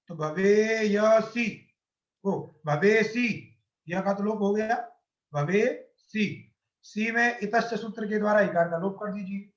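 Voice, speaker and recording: A man teaching a grammar lesson step by step, asking his class questions and answering them himself. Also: high voice. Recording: roomy, dull lo-fi sound.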